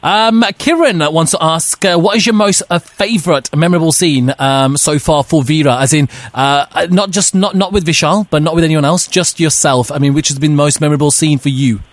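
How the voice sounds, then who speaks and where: Man hosting a radio interview, slightly high. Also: brisk, hardly any pauses, no room sound. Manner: reads listener questions, many uh fillers. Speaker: radio host. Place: radio studio.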